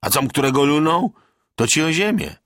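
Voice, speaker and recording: Bartek, a rough peasant soldier, as a man puts him on. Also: fairly high pitch, expressive, moderate pace, a bit bright, dry recording, clean studio sound, voice pushed up. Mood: scornful boast. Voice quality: hoarse, rough. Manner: rustic country speech, scornful. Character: burly gruff peasant soldier, boastful and fierce. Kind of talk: storybook reading.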